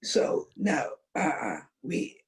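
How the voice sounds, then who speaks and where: An older woman with a low voice speaks slowly, her pitch swinging widely as she tells animated, conversational stories. A veteran swing dancer appearing as a podcast guest, she's emphatic and repeats phrases to hammer her points home.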